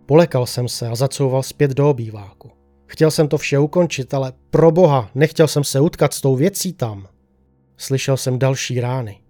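A man reading a first-person horror story aloud in a slow, hushed, suspenseful way. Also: mid-range voice. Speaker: narrator. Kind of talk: scripted horror story narration.

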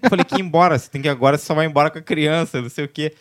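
A man hosting a casual podcast, telling a relaxed personal story. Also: fairly high pitch, rapid-fire.

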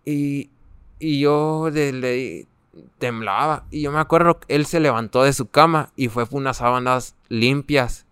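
A man's voice: medium pitch, a bit bright, clean tone, no room sound, studio quality. A young man with a Mexican Spanish accent, a guest telling his personal story in an interview, hesitant and full of fillers as he searches for words.

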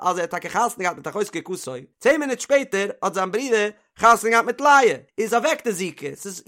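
A man's voice: sits high, fairly bright tone. A man with a Yiddish accent giving a Talmud study lesson, explaining each case step by step and posing questions before answering them. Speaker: Talmud teacher.

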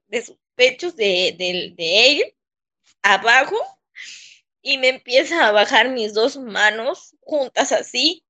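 Woman interviewee, high-pitched and unhurried, speaking in shaken, broken phrases. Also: fairly bright tone. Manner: halting, shaken, pausing often. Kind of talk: emotional personal testimony.

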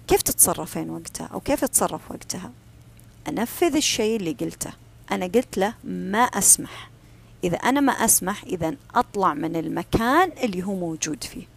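A woman giving a calm, firm advice talk. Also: medium pitch, creaky. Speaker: self-help speaker. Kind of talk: advice talk on personal boundaries.

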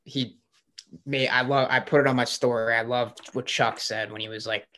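A man's voice: mid-range voice, steady tone, moderate pace, sharp tone, slight background noise. A man co-hosting a sports podcast, talking in an enthusiastic, rambling way with lots of fillers. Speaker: podcast co-host. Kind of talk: casual sports chat.

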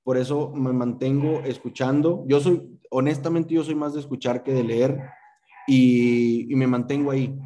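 A man's voice: medium pitch, dark tone, a little hiss or hum. A man giving a motivational speech to his sales team on a group call, emphatic and full of rhetorical questions, with some swearing.

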